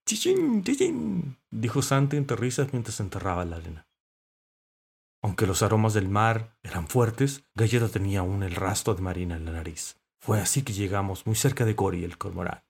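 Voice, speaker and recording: A man narrating a children's story in an expressive, calm way. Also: fairly low pitch, a little fast, husky.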